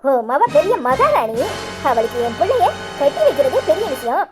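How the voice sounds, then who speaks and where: A proud, sharp-tongued mother of the groom in a village cartoon, as a woman puts her on. She scolds in a very high, lively voice, scornful and threatening, pouring out complaints. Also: normal speed, over loud music. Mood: mocking. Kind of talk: cartoon voice acting.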